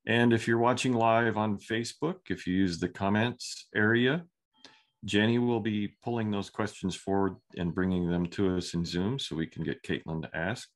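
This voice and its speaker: A man hosting a live webinar over a video call, casual and halting, with lots of ums and uhs. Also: on the low side, steady tone.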